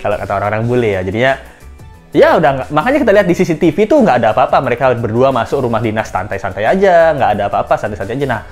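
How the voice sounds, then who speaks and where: A woman's voice: very deep voice, big pitch swings, racing, a little mellow, faint music behind. A woman hosting casual news commentary, chatty and speculative, acting out quotes and laughing at her own jokes. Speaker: host of a commentary channel.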